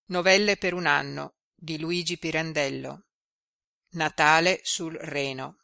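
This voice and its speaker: Italian woman reading an audiobook, low but bright voice, dry close mic. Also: vocal fry, no room sound. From Italy. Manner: measured, expressive reading. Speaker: volunteer audiobook reader. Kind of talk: scripted narration.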